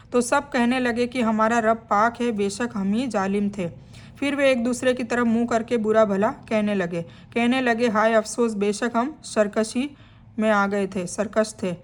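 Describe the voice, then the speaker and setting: Higher-voiced woman explaining scripture. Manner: reads a passage, then explains it in plain conversational words; adds friendly check-ins to the listener. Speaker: Quran translation teacher. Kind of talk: reading a scripture translation with commentary.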